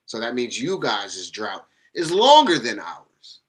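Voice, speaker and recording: A man's voice: medium pitch, wildly swooping pitch, takes it slowly, slightly rough, poor audio. A young man co-hosting a sports podcast in casual chat, blunt and profane in his trash talk. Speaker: podcast co-host.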